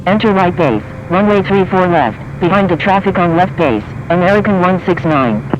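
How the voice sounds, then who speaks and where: A man as a high-voiced pilot on cockpit radio. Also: lively intonation, moderate pace. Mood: calm. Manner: clipped, formal radio phrasing. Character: male airline pilot on the radio. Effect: pilot radio call over a cockpit headset. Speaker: airline pilot reading back instructions. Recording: muffled radio with faint noise.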